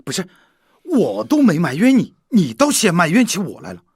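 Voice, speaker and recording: An actor playing a flustered, defeated Taoist priest, complaining and defensive. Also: male voice, sits high, huge pitch swings, moderate pace, breathy edge, dry recording, clean studio sound, exaggerated voice.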